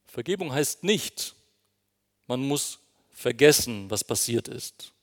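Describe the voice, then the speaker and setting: Gravelly-voiced man preaching in a hall. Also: mid-range voice, animated, takes it slowly. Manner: earnest, emphatic, addresses congregation directly. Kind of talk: sermon. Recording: long reverb of a hall.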